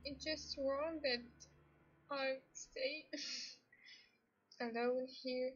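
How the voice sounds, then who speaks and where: Speaking to her livestream viewers, a Ukrainian woman with an Eastern European accent chats casually, giggling and hesitating over her English. Her high voice is steady and husky, and she draws her words out. The stream audio is dull and lo-fi, with music behind her.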